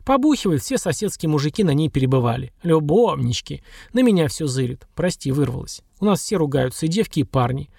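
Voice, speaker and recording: A male reader putting on a blunt young nurse who grew up on the streets. Her voice sits higher than his own and swings lively through each line, with a gravelly edge. She talks in coarse slang and laughs things off dryly. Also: fairly quick, few pauses, no echo, studio quality, exaggerated voice. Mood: weary. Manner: coarse slangy speech, wry chuckles. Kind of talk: audiobook dialogue.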